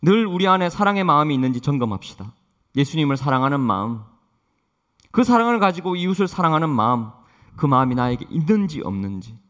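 A male pastor delivering a sermon, telling stories earnestly and moving between strong and soft delivery. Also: a little high, animated, fast talker.

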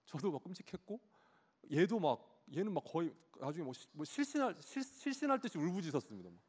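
A man in his thirties preaching a sermon, telling a personal story about his child in an animated way and acting out the child's cries. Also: a little high, fairly quick, slightly rough. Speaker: pastor. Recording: long hall reverb.

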